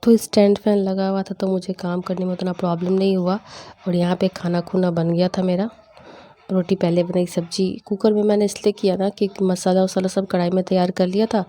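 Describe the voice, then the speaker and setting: A young woman in casual voice-over narration for a home vlog, chatty and animated as she retells family banter. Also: fairly low pitch, a little fast, faint music behind. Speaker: vlogger.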